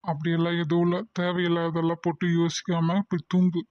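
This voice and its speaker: Cartoon drama: a woman playing a guilt-ridden young man, low and flat, curt weary lines, dry dull sound. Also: fast talker, no echo, lightly acted. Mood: weary, brooding. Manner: subdued, weary, curt replies. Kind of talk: animated drama voice acting.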